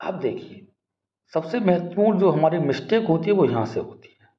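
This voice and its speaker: A man gives a classroom-style English grammar lesson, explaining step by step, asking questions back, and repeating words. His voice is fairly high, very animated, and fairly quick, recorded in an echoey room with dull lo-fi sound.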